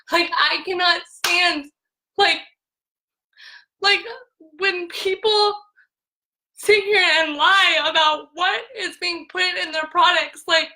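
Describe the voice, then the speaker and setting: Young woman, high bright voice; filler-heavy, emotional phone live rant. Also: poor audio. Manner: filler-heavy, repeats "like" constantly. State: tearful at times. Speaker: essential oils seller.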